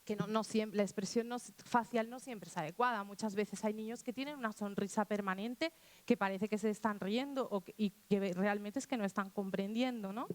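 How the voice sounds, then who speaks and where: A woman's voice: medium pitch, a little fast. A woman from Spain speaking to teachers in a conversational talk, often acting out quotes from children and restarting her sentences. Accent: Spanish.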